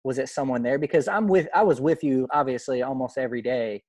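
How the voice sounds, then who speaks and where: A man's voice: medium pitch, quick pace, no echo. A man hosting a sports podcast, chatting casually with an old teammate and laughing along. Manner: relaxed, chummy, laughs along. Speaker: podcast host, former teammate.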